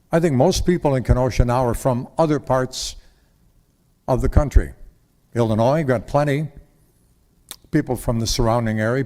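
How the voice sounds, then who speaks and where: A man's voice: mid-range voice, darkish tone. An older man giving a rambling, folksy public comment at a council meeting lectern. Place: council chamber at a lectern mic.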